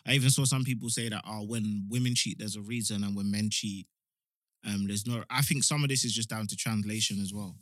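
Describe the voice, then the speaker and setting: A young man with a London roadman accent chats casually and slangily, giving animated opinions like a podcast co-host. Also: fairly low pitch, fairly quick, no room sound, clean studio sound. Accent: London roadman, multicultural London slang. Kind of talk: casual chat.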